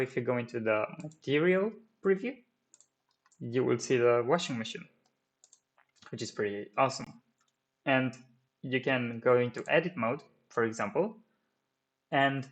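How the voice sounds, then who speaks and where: A Romanian-native man talks viewers through 3D modelling in a screen-recorded tutorial at his desk. His speech is medium in pitch and slightly bright, and it's peppered with fillers and restarts.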